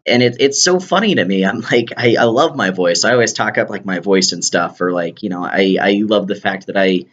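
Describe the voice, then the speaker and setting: A man's voice: lowish voice, a little fast, a bit bright. A young man talking to the camera at home in a casual video diary, chatty, rambling and poking fun at himself. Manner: chatty, self-joking, rambling. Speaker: vlogger. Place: indoors at home, wife nearby. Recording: dull lo-fi camera audio.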